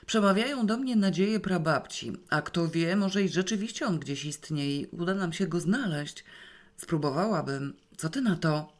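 A woman reading an audiobook, voicing the narrator's blunt, excitable young sister. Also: on the low side, moderate pace, natural voice. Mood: determined. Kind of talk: audiobook character voice.

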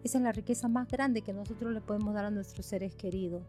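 A woman telling a moral story in a sermon, animated, with frequent fillers. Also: mid-range voice, fast talker, faint music behind.

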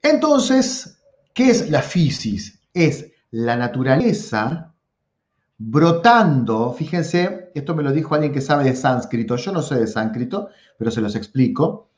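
A man with a Rioplatense accent lectures on philosophy, talking directly to his audience and repeating words for emphasis. His pitch swings widely as he explains. The sound is roomy and a little dull. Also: big pitch swings, unhurried, darkish tone. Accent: Rioplatense Spanish. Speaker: philosophy teacher. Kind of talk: lively lecture to camera.

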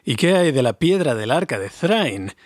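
A man voicing a grave adult leader of men who speaks slowly and measuredly. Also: mid-range voice, very animated, dry recording, clean studio sound.

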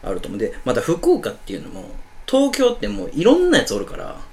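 A man with an Osaka Kansai accent talks fast in casual radio-style banter. His voice swings widely up and down as he tells a story. He co-hosts a laid-back chat show. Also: mid-range voice, huge pitch swings. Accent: Osaka Kansai dialect. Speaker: co-host.

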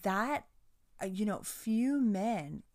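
A woman's voice: mid-range voice, animated, takes it slowly. A middle-aged woman co-host in casual conversation, often affirming the other speaker. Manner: warmly affirming, frequent agreement sounds.

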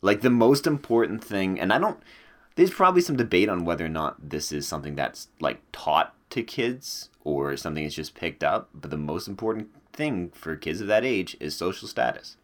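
A man's voice: sits low, big pitch swings, normal speed, a bit bright. A man hosting a podcast, chatting casually and animatedly and laughing often. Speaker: podcast host. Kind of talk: casual chat.

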